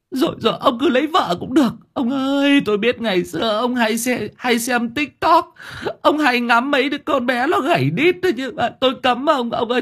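A man's voice: warm tone, breathy edge, exaggerated voice. A man voicing an old village widow who wails and stammers over her husband's coffin. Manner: shrill sobbing lament, stammering repeats.

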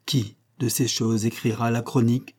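Male audiobook narrator, solemn and declamatory, with a dark, husky voice. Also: medium pitch, level tone, normal speed. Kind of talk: scripted narration of a classic novel.

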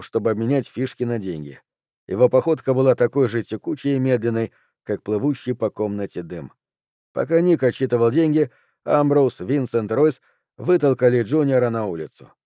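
A man narrating an audiobook in a steady, even storytelling manner on a close mic. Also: medium pitch, a little fast, dry recording. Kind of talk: scripted narration.

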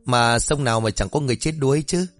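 A man voicing a kind young stranger who talks in a polite, gentle, deferential way. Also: mid-range voice, quick pace, faint music behind, natural voice.

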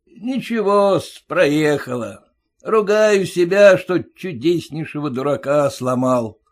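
A man's voice: a little high, expressive, slow pace. A man voicing a sarcastic, quarrelsome young groom who mocks his new in-laws in a jeering, indignant way.

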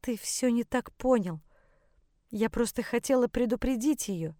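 A woman's voice: a little high, measured pace, warm tone, dry recording, studio quality, natural voice. A woman voicing a desperate mother pleading with her teenage son, in an audiobook. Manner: pleading, frantic, tearful.

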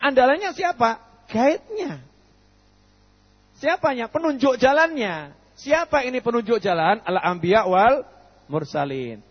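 A man gives an animated sermon, quizzing his listeners and answering himself. His voice sits high and sounds husky. The recording is dull and lo-fi, with long reverb from a hall. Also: measured pace, pauses often. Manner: animated, asks and answers his own questions. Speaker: preacher. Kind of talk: lively sermon with acted dialogues.

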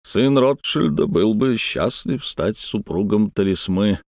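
A man's voice: lowish voice, lively intonation, slow pace, a little mellow, no echo. A man voicing a miserly older banker in a storybook reading, curt and dry. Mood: smug.

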